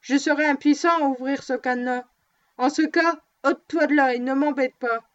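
A woman's voice: sits high, fairly even intonation, normal speed, fairly bright tone, lo-fi sound. A woman reading aloud, voicing an irritable, blustering dog owner who gives stern, solemn warnings.

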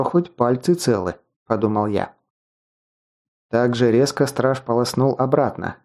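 Mellow-voiced male audiobook narrator. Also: medium pitch. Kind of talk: scripted narration.

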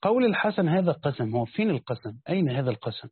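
Egyptian sheikh reading a commentary and explaining it, husky voice, dry tinny phone-like recording. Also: male voice, on the high side, very animated, fast talker, dry recording. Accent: Egyptian Arabic. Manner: explains by asking and answering his own questions. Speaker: sheikh teaching a Quran commentary. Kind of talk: reading a text aloud and explaining it.

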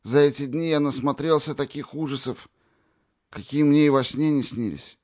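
A man voicing a wounded, dying young man who speaks hoarsely, slowly, word by word, in an audiobook. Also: on the high side, steady tone, darkish tone, pitched above the performer's own voice, natural voice. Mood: anguished. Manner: faltering, hoarse, slow.

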